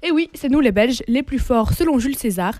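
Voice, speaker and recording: A woman's voice: sits high, animated, brisk, a little mellow, no room sound. A young Belgian woman with a Belgian French accent, hosting a playful mock lesson as a teasing quizmaster in a radio studio. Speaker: radio columnist. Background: faint music.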